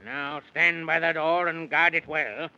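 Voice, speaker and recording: A man's voice: fairly high pitch, fairly even intonation, a little slow, sharp tone, smooth. An actor playing a gloating, vain, tyrannical king in a 1930s radio play, pompous and mocking in rhyme. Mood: gloating, amused. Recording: dull, muffled 1930s radio recording.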